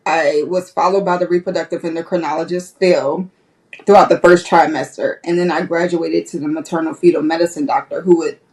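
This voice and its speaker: A woman's voice: low voice, steady tone, a little fast, darkish tone, recorded from a distance. A woman, a nurse guest on a podcast, telling a personal story candidly and acting out past conversations. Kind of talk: personal story told in an interview.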